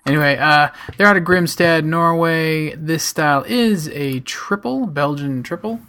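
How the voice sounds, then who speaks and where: A man's voice: fairly high pitch, sharp tone. Easygoing man giving a beer tasting review. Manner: easygoing, describing aromas with pauses.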